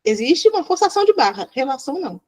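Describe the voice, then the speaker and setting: A middle-aged woman talks in a fairly high voice. She is a child psychologist who tells her stories with lots of energy, acting out each voice she quotes, and she laughs often. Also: sing-song, fast, a little mellow. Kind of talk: animated storytelling in a podcast interview.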